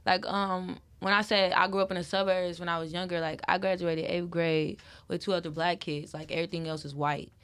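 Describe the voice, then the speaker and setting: A woman's voice: on the low side, a little fast, few pauses, smooth. A young woman from Wisconsin, a guest in a casual interview, talking loosely with lots of "like" and frequent laughter. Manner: loose and animated, heavy use of "like", laughs often.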